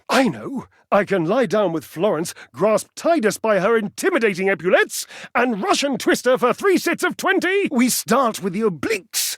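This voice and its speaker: A vain, flamboyant male fitness fanatic from a video game hams it up with grand melodrama, in a playful, exuberant mood. His slightly high voice bounces around with lively animation as he teases fondly, showers pet names and savors each ornate phrase. It's theatrical character acting, recorded close and dry with no echo.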